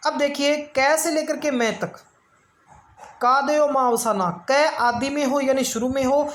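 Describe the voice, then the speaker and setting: A woman's voice: sits high, steady tone. A woman teaching an exam-prep grammar lesson, explaining step by step and asking and answering her own questions. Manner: draws out vowel sounds slowly to demonstrate; frequent check-ins of "theek hai".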